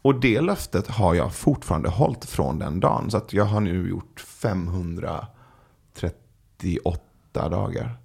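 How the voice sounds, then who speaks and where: A man chatting as a podcast guest, telling stories in a relaxed way with many filler sounds. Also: low voice, creaky, husky. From Sweden. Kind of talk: casual storytelling chat.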